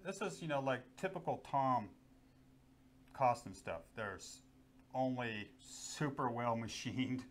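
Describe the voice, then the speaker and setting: This middle-aged man talks gear in a relaxed, enthusiastic product chat, leaning on plenty of fillers. He speaks slowly at a medium pitch with lively intonation, recorded on a lapel mic with slight hiss or hum in a small studio where guns hang on the wall.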